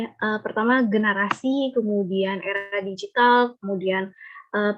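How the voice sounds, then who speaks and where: A young woman giving an online presentation at a teacher training webinar, halting with fillers as she reads her slide points. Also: medium pitch. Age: young adult. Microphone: video call. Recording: dull lo-fi video call audio.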